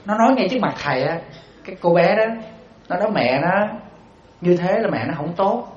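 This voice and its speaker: Speaking as a Buddhist monk, this man tells stories in a dharma talk and poses rhetorical questions to listeners. His high-pitched voice moves fairly quickly, lively with acted-out quotes, captured in a roomy hall that sounds slightly dull.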